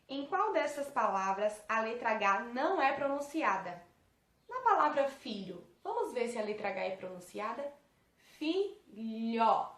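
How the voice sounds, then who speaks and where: A woman teacher with a Brazilian Portuguese accent, patiently correcting homework with young pupils and asking them questions. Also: a little high. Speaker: primary school teacher. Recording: echoey room.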